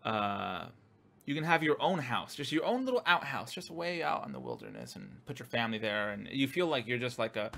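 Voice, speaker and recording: A man's voice: mid-range voice, huge pitch swings, brisk, gravelly, bright, forceful tone. A man hosting his own gaming channel, giving a casual, rambling opinion monologue full of fillers, restarts and swearing.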